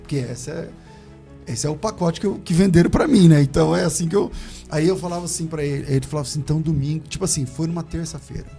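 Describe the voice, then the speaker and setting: Fast-talking gravelly Brazilian pastor. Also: male voice, fairly high pitch, faint music behind. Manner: animated, laughing, acts out quoted voices. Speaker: pastor telling his testimony. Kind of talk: casual storytelling chat.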